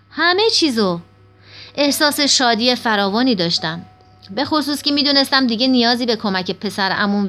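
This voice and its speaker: A woman reading a first-person children's story aloud at a steady pace. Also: mid-range voice. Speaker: audiobook narrator.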